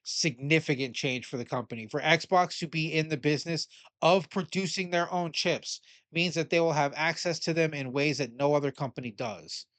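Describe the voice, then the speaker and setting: A man's voice: a little high, normal speed, few pauses, a bit bright, dry recording. A man giving casual, opinionated commentary while reading a news article aloud and arguing with it. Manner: blunt, opinionated, swears casually; argues with the article as he reads it aloud.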